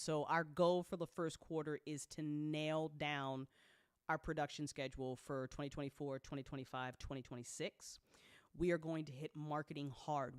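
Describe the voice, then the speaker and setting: A woman with a deep, smooth voice, recorded with studio quality and no echo, speaks off the cuff to fans as an audio drama producer. She's candid and colloquial, swears a lot, and gets emphatic when making a point.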